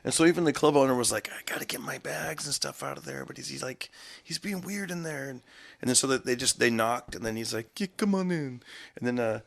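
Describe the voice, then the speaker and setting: A man's voice: mid-range voice, quick pace, gravelly, fairly bright tone. A man, a comedian, rambling through a story in casual podcast chat and laughing often. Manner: rambling, laughing, full of fillers. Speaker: comedian guest.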